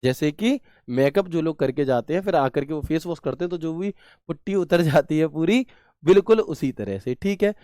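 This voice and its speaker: A man's voice: on the high side, animated, normal speed, dark tone, no echo, studio quality. A man teaching a computer class online, chatty, asking questions and answering them himself with homely examples.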